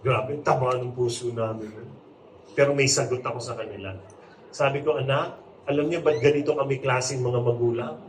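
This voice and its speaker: A man's voice: mid-range voice, steady tone, moderate pace, reverberant, recorded from a distance, a little hiss or hum, poor audio. A man in his forties giving a humorous, inspirational stage talk as a motivational speaker and author. He acts out quotes and moves between jokes and earnest appeals. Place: large hall before a live audience.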